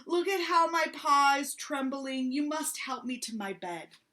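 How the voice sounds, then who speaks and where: A woman's voice: high-pitched, animated, measured pace, sharp tone, pitched above the performer's own voice, exaggerated voice. A woman doing a stuffy-nosed, grumpy sick bear. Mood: grumbling. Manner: whiny and self-pitying. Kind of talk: storybook read-aloud.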